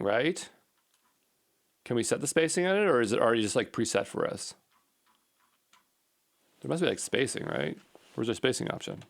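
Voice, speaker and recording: Narrating each step of a coding tutorial as he goes, an informal man frequently mutters to himself in a relaxed, thinking-aloud manner. His voice is mid-range, creaky and fairly bright in tone.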